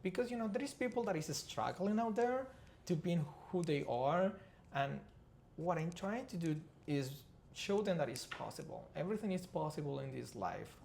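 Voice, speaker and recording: A man's voice: a little high, lively intonation, normal speed, gravelly, darkish tone, a little hiss or hum. A man from Colombia with a Colombian Spanish accent, a Spanish native speaker talking earnestly as a podcast co-host in casual chat.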